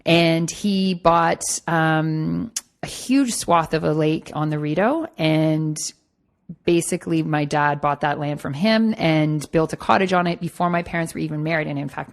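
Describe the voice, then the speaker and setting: A woman's voice: sits low, creaky. A middle-aged woman from Toronto, a magazine editor talking as a podcast guest in a loose, conversational way with fillers and restarts. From Toronto, Canada. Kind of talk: relaxed interview answers.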